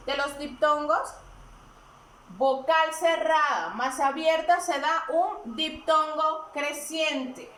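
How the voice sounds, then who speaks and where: A woman teaches a grammar lesson, slowly and patiently, answering her own questions. She is recorded from some distance in an echoey room. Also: high voice, fairly bright tone, a little hiss or hum.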